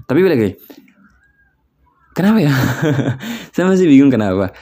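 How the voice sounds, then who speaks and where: A man's voice: on the high side, sing-song, normal speed, warm tone. A young man from West Java in a casual solo chat, rambling and musing aloud with lots of filler words. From West Java, Indonesia.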